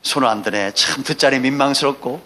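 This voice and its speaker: A pastor delivers his Sunday sermon in a mid-range voice that's brisk, bright and forceful. He's emphatic and folksy, mixing asides and anecdotes and calling on the congregation to respond between stories.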